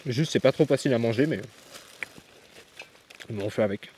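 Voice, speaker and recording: A young man talks loosely to a handheld camera, vlog style, slangy and chummy with his viewers. His voice sits in a middling pitch, and he thinks out loud, stopping and restarting as he goes. A faint hiss of background noise sits under him. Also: normal speed. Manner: chatty and slangy, addresses viewers as guys; thinks aloud with frequent fillers and restarts. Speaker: travel vlogger. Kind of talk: casual vlog talk to camera.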